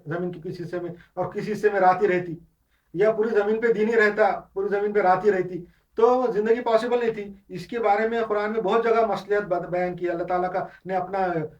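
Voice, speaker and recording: This high-pitched male lecturer, recorded from a distance with the highs cut off, teaches on Islam without notes. He breaks ideas down step by step, blends lots of English into Hindustani, and keeps restarting with filler noises.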